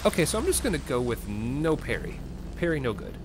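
A man's voice: medium pitch, sing-song, normal speed, background noise. A man streaming a game live, chatting with viewers between wry reactions to the gameplay. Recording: game music playing behind the voice. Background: game music.

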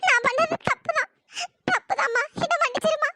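A performer voicing a gentle, remorseful old grandmother in a cartoon, speaking softly and tearfully. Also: extremely high pitch, a little fast, noisy background. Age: older. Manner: soft-spoken, tearful.

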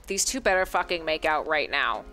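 A woman streamer reading a story game aloud, breaking off into animated, crude jokes. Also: deep voice, normal speed, faint music behind.

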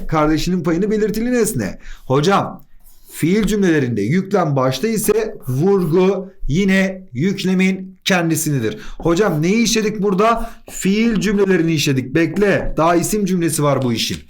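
A male teacher with a high, bouncing voice runs a grammar lesson. He asks a question and answers it himself in quick steps, then slips in joking asides between points. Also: animated. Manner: playful asides. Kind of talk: exam-prep grammar lesson.

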